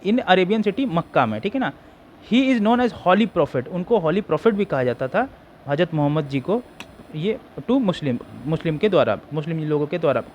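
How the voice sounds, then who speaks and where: An Indian man with a sore throat teaching an exam prep class, reading quiz questions slowly in English and explaining them with lots of fillers. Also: on the high side, lively intonation, a little hiss or hum.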